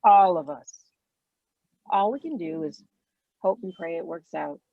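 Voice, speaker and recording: An actress playing Brenda, a sharp, sarcastic adult daughter, in a stage play reading. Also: female voice, fairly low pitch, animated, measured pace, vocal fry, dry recording, narrow, tinny audio, heavily acted. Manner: sarcastic, exasperated.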